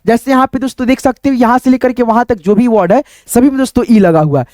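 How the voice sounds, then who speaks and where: An English teacher with an extremely high, slightly mellow voice talks fast in a clean, echo-free studio recording. He runs an online phonics lesson, spelling words letter by letter, asking questions and repeating the answers. He often turns to viewers, addressing them as friends with tag questions.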